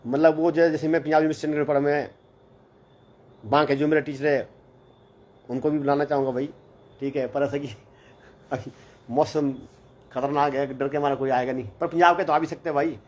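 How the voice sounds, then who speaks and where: A man's voice: on the high side, fairly even intonation, a little fast, pauses often, a little mellow. A man, a teacher who helps run a hostel mess, tells a rambling everyday story in a casual vlog, peppering his talk with "bhai" and reported speech. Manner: rambling, chatty, repeats "bola" and "bhai". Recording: slightly dull lo-fi audio with faint background noise.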